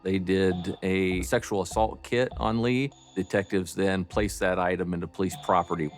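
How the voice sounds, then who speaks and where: Low-voiced man, matter-of-fact detective interview. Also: fairly even intonation, soft background music. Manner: matter-of-fact, deliberate, official phrasing. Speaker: police detective interviewed about a case. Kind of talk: documentary interview, recounting case facts.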